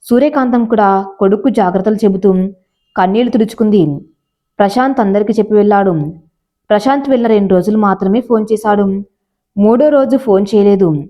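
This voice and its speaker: A woman narrating a scripted story in a plain, steady storytelling manner. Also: medium pitch, brisk. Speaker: audiobook narrator. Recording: slightly dull lo-fi audio.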